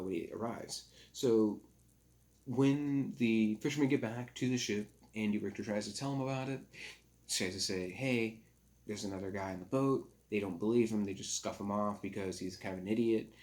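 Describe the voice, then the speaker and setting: A man with a low, darkish voice recaps a film in a casual spoken movie review. He's rambling and halting, with frequent fillers and self-corrections.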